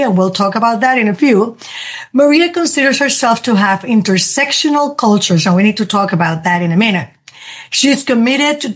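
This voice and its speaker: A woman's voice: fairly high pitch, breathy edge. A woman hosting a podcast interview, talking with enthusiasm and restarting her sentences as she goes. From spent twenty years in New York. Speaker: podcast host. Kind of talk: conversational interview.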